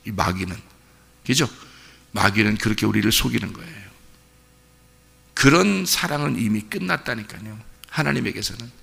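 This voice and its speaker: A man's voice: mid-range voice, vocal fry, bright, forceful tone, slightly rough, long reverb tail. A man preaching a sermon as pastor, earnestly and conversationally, asking the congregation questions. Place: church sanctuary.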